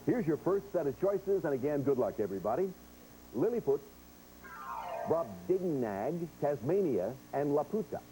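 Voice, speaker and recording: A man's voice: fairly high pitch, very animated, moderate pace, poor audio. A man hosting a game show, chatting directly to players and viewers as he explains rules and reads quiz questions. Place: television studio.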